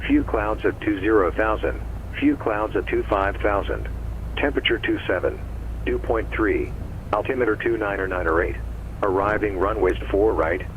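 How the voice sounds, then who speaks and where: A man reading an airport weather and information broadcast over the radio, reciting figures in a steady, measured way. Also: lowish voice. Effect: automated airport weather broadcast over radio. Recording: tinny lo-fi radio channel with faint hiss.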